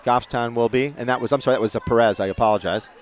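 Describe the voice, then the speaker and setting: A man at an ordinary pitch calls a high school basketball game from the press box. He chats between plays, rambles a little and stops to correct himself. A faint hum of the gym sits underneath. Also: steady tone, rapid-fire. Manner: chatty, rambling asides, self-corrections. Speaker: play-by-play commentator. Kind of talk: local sports commentary.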